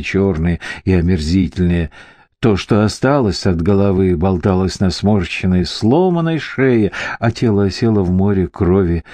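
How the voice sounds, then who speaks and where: A man narrating a dark fantasy audiobook in a measured, theatrical manner on a close mic. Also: deep voice, dry recording.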